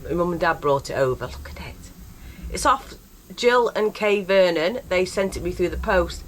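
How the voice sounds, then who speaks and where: A woman vlogs casually about her life aboard and around a narrowboat on a canal, chatty and self-mocking, laughing often and sounding bunged up with a cold. Her voice is fairly low and expressive at a moderate pace, with a little hiss or hum in the recording.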